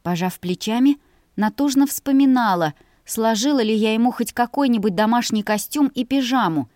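A woman narrating a story in the first person, lively and ironic in tone. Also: fairly high pitch, moderate pace, no echo, studio quality. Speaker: audiobook narrator.

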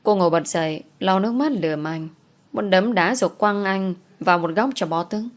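A woman reading a romance story aloud as its narrator, in a steady, even storytelling delivery. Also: mid-range voice, brisk. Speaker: audiobook narrator.

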